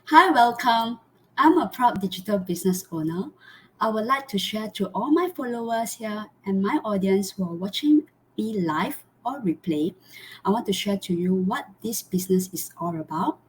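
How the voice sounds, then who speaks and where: A woman in her thirties or forties hosts a live online interview over a video call. She speaks earnestly at a mid pitch, pausing often for fillers and restarts. A faint hiss sits behind her voice. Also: animated. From Malaysia. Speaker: host.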